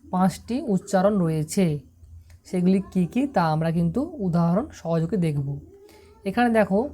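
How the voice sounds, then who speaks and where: A woman's voice: mid-range voice, warm tone. A woman teaching English pronunciation to students, explaining patiently and step by step, often asking if they can see.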